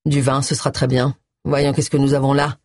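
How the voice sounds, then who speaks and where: A woman's voice: rumbling low, flat delivery, brisk, a little mellow, dry recording, studio quality, voice pushed down. A woman voicing a contemptuous, overbearing man in an audiobook reading. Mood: condescending.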